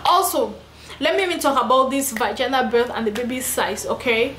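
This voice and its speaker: A woman's voice: on the high side, a little fast, a bit bright, slight background noise. A young pregnant woman vlogging to camera, venting in an emphatic, repetitive way. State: heavily pregnant. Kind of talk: personal vlog, talking to camera. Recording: echoey room with faint ambience.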